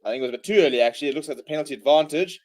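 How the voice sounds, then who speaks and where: A man's voice: on the high side, very fast, darkish tone. A man, hungover, chatting casually and commentating as he hosts a live rugby watchalong stream. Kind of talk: casual livestream chat and live sports commentary.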